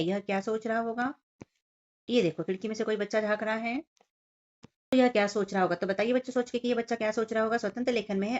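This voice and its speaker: A woman teacher walking young children through a Hindi workbook lesson, explaining each picture and question step by step and speaking to them directly. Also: mid-range voice. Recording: dull lo-fi sound.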